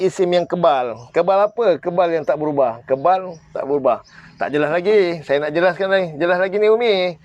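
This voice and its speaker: Man, Malaysian accent, teaching live online, quizzing viewers, slightly high voice, dull lo-fi stream. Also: a little mellow. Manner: quizzes viewers, presses them to comment and answer. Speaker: Arabic teacher. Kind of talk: live online grammar class.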